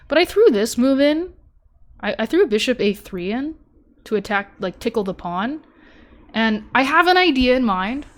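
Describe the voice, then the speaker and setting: A young woman streaming, chatting casually as she reviews her tournament chess game, thinking aloud with lots of fillers and self-deprecating asides. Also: mid-range voice. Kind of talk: casual live-stream commentary.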